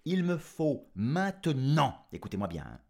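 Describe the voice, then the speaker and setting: A stubborn peasant blusters and repeats his demands, as a man puts him on for a storybook tale. His pitch jumps up and down as he insists. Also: big pitch swings, a little slow, creaky, full character voice. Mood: insistent.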